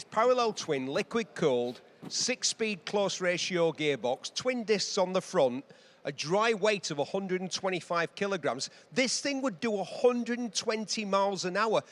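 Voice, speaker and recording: A man's voice: on the high side, a bit bright. A British man giving enthusiastic live commentary as a motorcycle specialist, in emphatic, punchy phrases.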